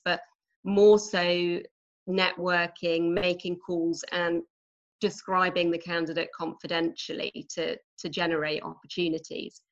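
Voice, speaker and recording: An English woman from Norwich with a lowish voice is a recruitment manager appearing as a guest on a conversational podcast interview. She explains things in a warm, chatty way with frequent ums, and the audio is lo-fi.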